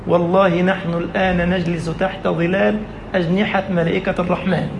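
A man with an Egyptian accent preaching a sermon in a mosque, lively and emphatic, speeding up and slowing down for effect. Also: sits high, gravelly, echoey room, background noise. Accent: Egyptian Arabic. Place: mosque hall.

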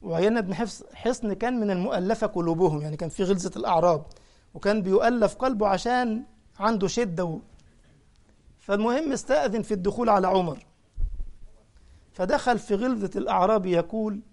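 A man's voice: sits high, fast talker, creaky, darkish tone. A man with an Egyptian accent preaching a sermon as a sheikh, telling stories with animation and putting questions to his listeners. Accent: Egyptian Arabic.

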